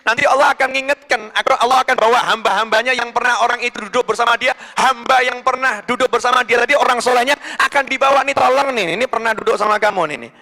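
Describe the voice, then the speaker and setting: A man giving a sermon and telling stories, animated, jumping from loud shouted peaks down to low quiet murmurs. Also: quick pace, few pauses. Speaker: preacher. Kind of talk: sermon with storytelling. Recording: long hall reverb.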